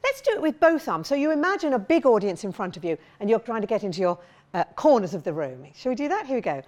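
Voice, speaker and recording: Lady voice coach doing warm-ups, high bouncy voice, big encouraging demos. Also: big pitch swings, fast talker, a little hiss or hum. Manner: encouraging, demonstrating sounds with big slides and shouts. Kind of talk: vocal warm-up lesson.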